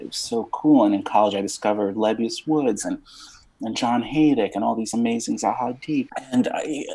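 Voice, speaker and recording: A man's voice: medium pitch, darkish tone, slightly rough, rough recording. A man in his thirties from Romania, talking in a rambling, searching way with lots of fillers and some casual swearing as an interview guest. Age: 30s.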